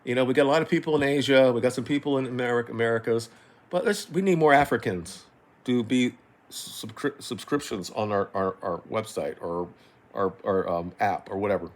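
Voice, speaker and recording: Rambling, exasperated middle-aged man on a rant. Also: medium pitch. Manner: rambling, halting, frequently doubling back; exasperated, swearing. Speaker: football fan commentator. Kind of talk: unscripted opinion rant about football.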